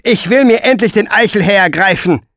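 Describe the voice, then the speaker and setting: Man doing a harsh, shouting captain, high and loud. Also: brisk, no echo, studio quality. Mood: impatient. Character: cruel impatient male soldier captain, loud and commanding.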